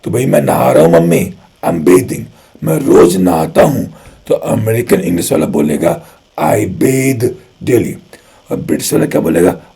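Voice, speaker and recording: A man's voice: sits low, moderate pace, creaky, husky. A man with an Indian accent teaching spoken English, who explains patiently, repeats his key phrases and keeps asking rhetorical questions. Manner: chatty and lively, asks rhetorical questions.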